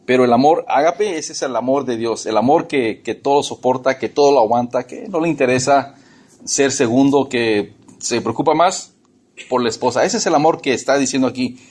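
Emphatic pastor preaching. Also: male voice, medium pitch, normal speed, a little mellow. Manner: emphatic, repeats words, asks the congregation questions. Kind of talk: sermon.

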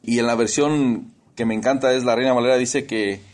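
A man's voice: medium pitch, fairly even intonation, fairly quick. A man preaching a sermon, telling personal stories, calling listeners brothers and slipping English words into his talk.

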